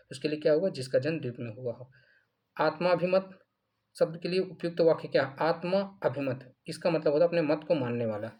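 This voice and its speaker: A Hindi grammar teacher with a high, darkish voice walks through mock exam answers. He repeats each answer and poses questions that he then answers himself.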